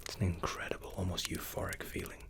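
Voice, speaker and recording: A man doing an ASMR role-play, speaking in a soft, unhurried, courteous whisper as hotel and spa staff.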